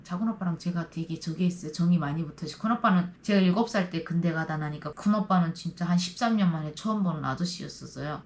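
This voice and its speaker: A woman's voice: fairly low pitch, a little hiss or hum. A North Korean woman casually telling a personal story to the camera, often acting out the voices of people she quotes. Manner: lively, acts out quoted voices. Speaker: YouTube storyteller.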